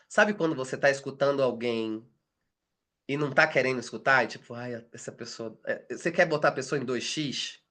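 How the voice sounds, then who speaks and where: A man's voice: mid-range voice, fairly quick, fairly bright tone. A Brazilian man, a spiritual teacher and therapist, teaches a class through confiding personal stories and acts out the dialogue he quotes. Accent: Brazilian Portuguese. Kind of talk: personal storytelling in an online class.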